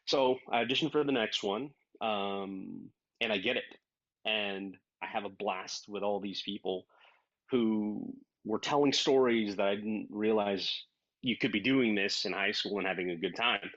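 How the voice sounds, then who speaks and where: Man, low pitch, animated anecdotes, dull lo-fi audio, dry. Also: measured pace, dry recording. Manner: animated, acts out quoted dialogue. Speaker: voice actor guest. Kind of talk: casual interview storytelling. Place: based in Los Angeles.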